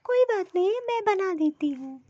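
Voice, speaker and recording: A woman's voice: very high voice, animated, moderate pace, dark tone, no echo. A woman voicing a fretful young sister-in-law. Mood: grumbling. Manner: anxious, complaining, yet obliging. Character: put-upon young unmarried sister-in-law, worried and obliging. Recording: dull lo-fi recording.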